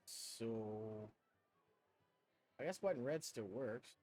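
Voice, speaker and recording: Speaking slowly in a medium-pitched, darkish voice with no echo, this male streamer offers casual commentary on his game. He rambles in a self-conscious way, voicing his thoughts as he plays.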